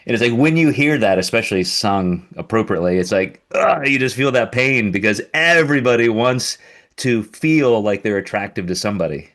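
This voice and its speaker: A man's voice: fairly low pitch, lively intonation, brisk, a bit bright. A man co-hosting a podcast, talking casually and animatedly. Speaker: podcast co-host. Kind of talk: casual conversation.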